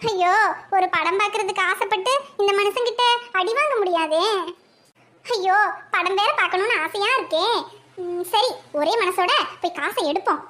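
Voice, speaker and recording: A woman's voice: very high-pitched, moderate pace, fairly bright tone. A woman voicing a scheming young cartoon housewife with a Kanyakumari Tamil accent, fretting and muttering to herself. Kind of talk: cartoon voice acting.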